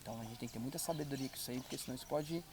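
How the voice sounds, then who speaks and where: A man's voice: medium pitch, very fast, background noise. A man speaking as a podcast guest, earnest and repeating his points for emphasis. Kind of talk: casual chat.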